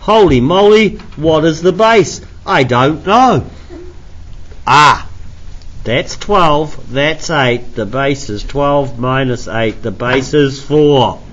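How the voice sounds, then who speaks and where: A man's voice: fairly high pitch, animated, takes it slowly, a bit bright, muffled recording. A man teaching a maths class in an informal, jokey, self-deprecating way, with frequent coughs between phrases. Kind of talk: classroom lesson, explaining step by step. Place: classroom with students.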